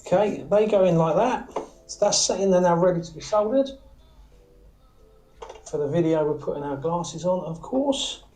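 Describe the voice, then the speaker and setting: In a small indoor workshop, a British man shows how he makes antennas in a casual, hands-on demo, often asking the viewer "all right?" or "okay?" as he goes through each step. He speaks at a moderate pace with frequent pauses in a high, darkish voice, over soft background music in a low-quality recording.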